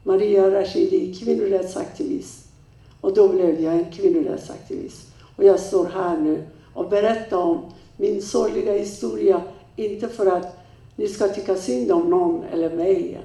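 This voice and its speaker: A middle-aged woman and women's rights activist delivering a personal testimony from a stage, telling it in slow, halting, emotional phrases. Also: mid-range voice, steady tone, gravelly, dark tone. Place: stage in a large room. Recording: echoey room, speaker far from mic.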